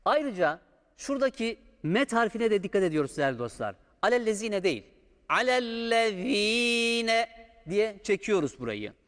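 A man with a high, sing-song voice and a slightly fast delivery leads a step-by-step Quran recitation lesson. He patiently stretches out sounds to demonstrate proper pronunciation, and the recording carries a long hall reverb.

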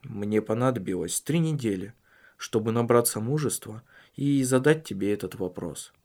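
A man voicing a calm, measured husband in an audiobook, speaking earnestly and carefully. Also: lowish voice. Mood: earnest, probing.

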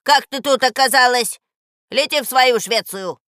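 A woman's voice: sits high, normal speed, dry recording, clean studio sound, pitched above the performer's own voice. Baba Yaga, a woman doing a shrieking furious old witch. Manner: shrieking, shouting at the top of her lungs. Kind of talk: audiobook character voice.

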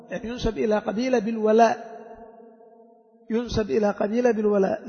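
A man, a sheikh, teaching a lesson on a legal text, explaining slowly, repeating key phrases and putting questions to his students. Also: extremely high pitch, vocal fry. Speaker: sheikh teaching Shafi'i jurisprudence. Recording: dull, echoey hall recording.

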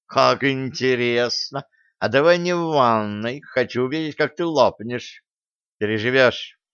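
A man's voice: mid-range voice, measured pace, fairly bright tone, smooth, dry recording, muffled recording. A man voicing a cheeky female gnome hologram, the ship's program, talking in a gleeful, gossipy way.

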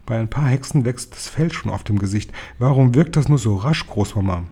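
A man's voice: medium pitch, lively intonation, fairly quick, dark tone, husky. A man voicing an eager young boy in a storybook reading. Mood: excited. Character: excited young boy turned mouse.

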